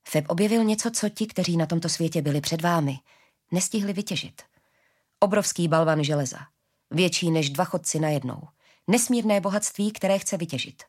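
A woman reading a story, voicing a calm, mysterious shapeshifting assassin who speaks quietly and unhurriedly, with a low husky voice. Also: natural voice.

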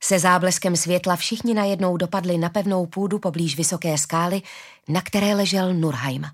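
Expressive woman reading a fantasy audiobook. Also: fairly low pitch. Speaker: narrator. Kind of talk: audiobook narration.

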